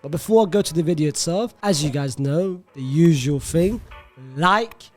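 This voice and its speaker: A man from Iraq talks casually to camera for his own channel. His voice sits fairly high, and his delivery is animated and slangy, with "bro" thrown in often and words doubled up for emphasis. Faint music plays underneath. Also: normal speed. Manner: restarts and repeats words for emphasis. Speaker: YouTuber.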